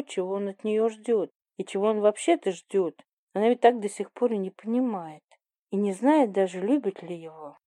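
A woman reads an audiobook narration in a calm, reflective way. Her voice is mellow and dark. The recording is close and dry, with no room sound. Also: mid-range voice, dry recording. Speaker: audiobook reader.

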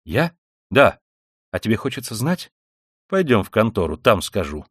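A man reading the part of a brooding young former student in an audiobook, talking lazily and absently with quiet mockery. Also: fairly low pitch, big pitch swings, moderate pace, no room sound, clean studio sound. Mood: listless. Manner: lazy, absent, quietly mocking. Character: brooding young male ex-student, listless and detached.

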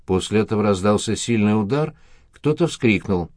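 Low-voiced man narrating a dark story. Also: lively intonation, normal speed, no echo, studio quality.

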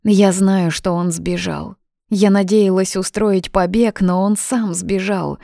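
A woman's voice: medium pitch, steady tone, slow pace, vocal fry, warm tone, dry recording, studio quality, voice pushed up. A woman reading aloud voices a pale, fragile young witch who pleads in a breathless, urgent way. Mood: pleading.

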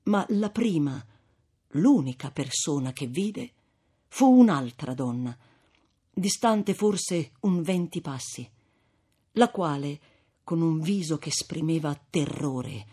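Husky woman reading a classic novel. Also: low-pitched. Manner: measured, expressive storytelling. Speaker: audiobook reader. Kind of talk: scripted narration of a classic novel.

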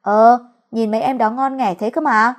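A woman's voice: fairly high pitch, fairly even intonation, moderate pace, lightly acted. A woman reading the part of a young husband who coaxes and teases his wife in a storybook romance. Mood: coaxing. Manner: coaxing, playful. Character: young husband, teasing and coaxing.

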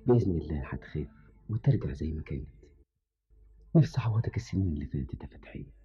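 Humble Egyptian worker, deep husky voice, quick and gentle; old radio drama. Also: male voice, expressive, heavily acted. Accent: Egyptian Arabic. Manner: soft, reassuring, devoted. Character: humble young working man, devoted and gentle. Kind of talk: 1970s radio drama acting. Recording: dull old radio recording with faint music.

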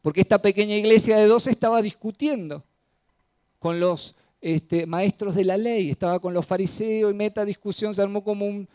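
Un pastor con acento predica un sermón narrativo y dramático, alternando entre pasajes fuertes y suaves y frenando para enfatizar. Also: male voice, high-pitched, steady tone, clean tone, no echo. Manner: dramatic storytelling, swings loud and soft, slows for emphasis. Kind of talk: sermon.

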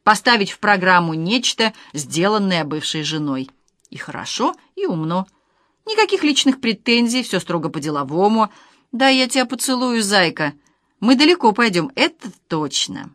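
A woman reading an audiobook, voicing a spiteful, capricious young wife with a sharp, mocking tone. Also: medium pitch, big pitch swings, moderate pace, no echo. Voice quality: sharp, mocking, shrieking when angry.

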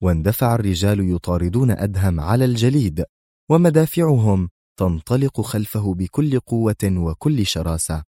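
A man's voice: lowish voice, expressive, normal speed, dark tone, dry recording, studio quality. A man reading an action thriller as a dramatic audiobook narrator.

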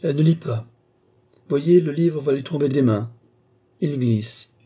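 A man voicing a sharp, impatient young noble lady in an audiobook. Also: fairly high pitch, breathy edge. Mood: tart. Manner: tart, quick-tempered.

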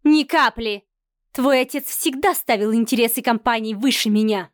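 A woman reading the part of a haughty, cynical middle-aged mother in an audiobook, speaking slowly and sarcastically. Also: a little high, no room sound, clean studio sound, natural voice. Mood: scornful. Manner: sarcastic, slow and cutting.

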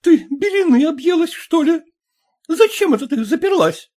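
Brief: a man playing a fretful middle-aged mother who nags and scolds, lively and mellow, storybook reading. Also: extremely high pitch, normal speed. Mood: scolding. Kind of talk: audiobook character voice.

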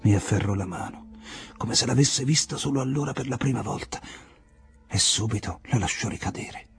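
A man reading a classic novel aloud as a first-person audiobook narration, measured and expressive. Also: mid-range voice, creaky, breathy edge, faint music behind. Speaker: audiobook reader.

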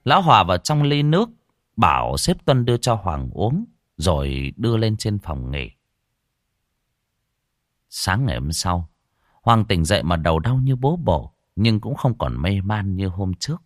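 A man narrating a horror audiobook in a slow, dramatic storytelling manner. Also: sits low, sing-song, no echo, studio quality.

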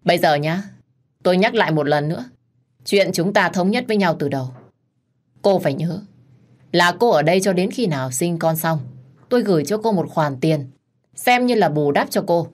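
A woman's voice: on the low side, animated, moderate pace, long pauses, darkish tone. A woman voicing a stern, impatient husband who lays down terms curtly in a told story. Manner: firm, curt, impatient.

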